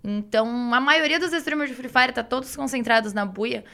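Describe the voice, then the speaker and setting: Young woman, Brazilian Portuguese accent, fairly high pitch, fry in the voice, casual conversational streamer guest. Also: moderate pace, bright, forceful tone. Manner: informal, conversational. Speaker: guest, live game streamer. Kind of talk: casual chat.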